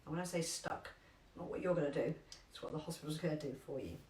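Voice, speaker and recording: A woman with a London accent teaching a live first aid class online, chatty and emphatic, slowing down to repeat key instructions. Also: sits low, a little mellow, a little hiss or hum. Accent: London English. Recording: echoey room, distant from mic.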